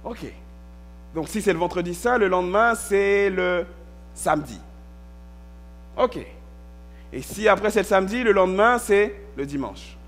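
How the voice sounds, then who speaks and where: A man's voice: high-pitched, expressive, measured pace, long pauses, fairly bright tone. A male pastor giving a sermon in a church, reading a passage and then walking listeners through it point by point, checking in with a frequent "ok". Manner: reads scripture, then explains step by step with frequent "ok".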